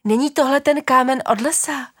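A woman voicing an eager small village boy in a storybook reading, exclaiming excitedly. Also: high-pitched, no room sound, clean studio sound, pitched above the performer's own voice. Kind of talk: storybook narration.

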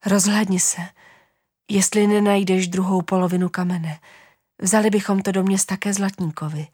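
A woman voicing a kind, poor village father in a storybook, speaking calmly and half in a whisper. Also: mid-range voice, close to an everyday voice. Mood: hushed. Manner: calm, hushed, half-whispered. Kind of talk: storybook narration.

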